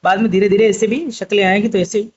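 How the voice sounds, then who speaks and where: A man's voice: high voice, fairly even intonation, fast, highs cut off. A man teaching Urdu script, patiently spelling out letters one by one. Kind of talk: slow spoken writing lesson.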